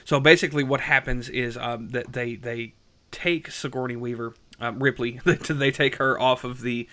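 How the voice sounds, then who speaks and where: Man, young adult, bright tone, casual film review, rambling, lots of fillers. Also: mid-range voice, fairly even intonation, normal speed.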